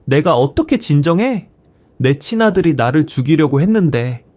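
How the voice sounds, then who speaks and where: A man's voice: fairly high pitch, expressive, normal speed, no echo. An outraged old grandfather, as a male narrator puts him on, scolding in a raised voice. His tone stays dry and close, with nothing around it. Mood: enraged. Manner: shouting, scolding. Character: furious elderly retired teacher grandfather.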